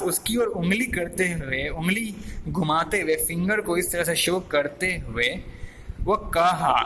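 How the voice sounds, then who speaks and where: Slow, bright-voiced man teaching a class. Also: a little high, slight background noise, low-quality recording. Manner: reads English lines slowly, then explains each phrase; asks the class questions and answers them himself. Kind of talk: explaining an English chapter.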